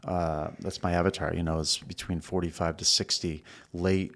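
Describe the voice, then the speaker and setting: A middle-aged man, a leadership coach, telling lively anecdotes in a relaxed podcast chat and acting out the people he quotes. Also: sits low, normal speed. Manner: animated storyteller who acts out quoted people, laughs easily. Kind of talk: casual podcast conversation.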